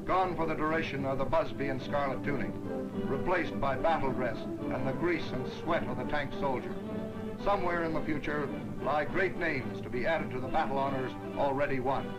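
A man narrating an old 1940s newsreel in a brisk, ceremonial announcer's manner. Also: a little high, low-quality recording. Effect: old 1940s newsreel sound. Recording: narration over loud band music.

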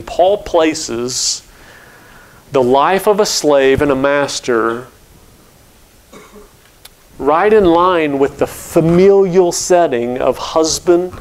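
An older man, a pastor, preaching a steady explanatory sermon from a church pulpit on a headset mic. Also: on the high side. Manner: explanatory teaching, steady and measured.

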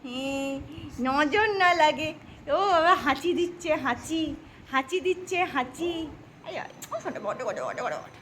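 A woman at home talks baby talk to her pet dog, her voice very high and bright. She coos in a sing-song way and keeps repeating her words. Faint household noise sits behind her. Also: animated, moderate pace.

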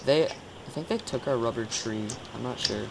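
While playing a game with friends as part of a game series, a man chats in an easygoing way and narrates what he's doing. His voice is mid-range with vocal fry and a moderate pace, and a crowd can be heard behind him on a hissy, noisy recording.

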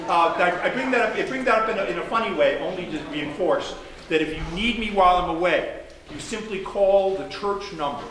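A pastor speaks in a slightly high voice, shifting from casual jokes to formal prayer. His words ring around a big echoing sanctuary, and the congregation can be heard murmuring behind him. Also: expressive, moderate pace, a crowd in the background. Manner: chatty and joking between formal prayer. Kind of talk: church announcements and prayer. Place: large church sanctuary. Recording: very echoey church with congregation.

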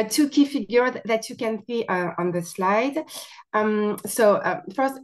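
A French woman with a French accent giving a hesitant webinar presentation over a video call, with many fillers. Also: fairly high pitch. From France. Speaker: presenter, company marketing officer.

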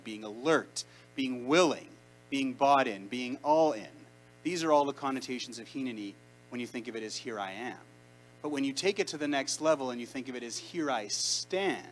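Recorded roughly by a far camera with slight background noise, a roughly thirty-year-old Canadian rabbi preaches conversationally into a handheld mic in a large sanctuary, pressing his points with deliberate pauses. His voice sits at medium pitch with a fairly bright tone.

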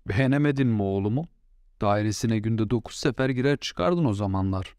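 A man's voice: fairly low pitch, animated, brisk, a little mellow, clean tone, no echo, clean studio sound, close to an everyday voice. A man voicing a proud, quarrelsome mother-in-law in an audiobook story, scolding and indignant.

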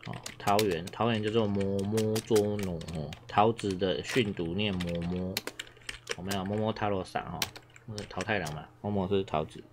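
A man teaches a relaxed Japanese lesson, talking in a low voice. He rambles, repeats his points, fills gaps with little sounds and coughs from time to time. Steady noise and keyboard clicks run under his voice. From Taiwan. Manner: chatty, repeats himself, many filler sounds. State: coughing now and then. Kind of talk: casual language lesson.

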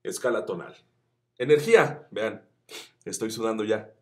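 A man teaching voice acting, chatty and encouraging, who demonstrates shouts that climb up the pitch scale. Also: measured pace. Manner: addresses viewers as friends, chatty and encouraging. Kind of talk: tutorial.

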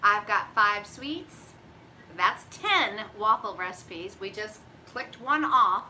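Keto cooking host, middle-aged, drawl, bright and chatty, phone mic in a home kitchen. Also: female voice, medium pitch, expressive, slow, slight background noise, rough recording. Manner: chatty, folksy, drawls "y'all". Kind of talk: casual live-stream chat. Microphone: phone camera at arm's length.

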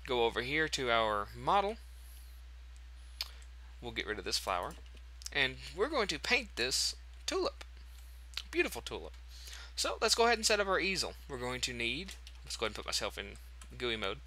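A man's voice: medium pitch, pushed and bright. A man hosting a casual game tutorial, chatty and thinking aloud as he corrects himself. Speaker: tutorial host.

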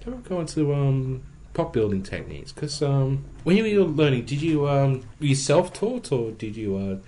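A man's voice: medium pitch, very animated, mellow. Male podcast host, casual and jokey. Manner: chatty, quick to joke, says "you know" often. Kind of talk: casual chat.

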